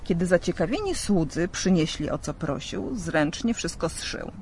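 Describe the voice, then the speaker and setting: A man narrates a legend with a lively, expressive storybook delivery. His voice sits a little high for a man, and a faint hiss runs under the recording. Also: moderate pace, vocal fry. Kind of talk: storybook reading.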